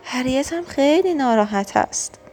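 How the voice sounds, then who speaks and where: A woman voicing a calm, loving mother turtle in a storybook reading. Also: high-pitched, faint music behind, pitched above the performer's own voice. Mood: gentle.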